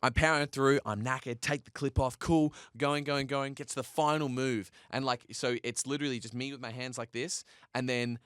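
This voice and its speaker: A man's voice: medium pitch, steady tone, normal speed, few pauses, a bit bright, clear, resonant tone, dry recording, studio quality. A man co-hosting a podcast, telling a story in casual chat and acting out other people's lines in raised voices. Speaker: podcast co-host.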